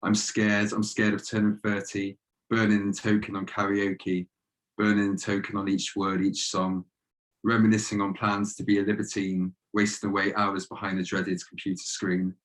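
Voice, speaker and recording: A young man reads his own poems on a video call, his voice sitting low and staying flat. His delivery is measured and steady and leans on repeated refrains. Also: low-quality recording. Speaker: guest poet. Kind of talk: poetry reading.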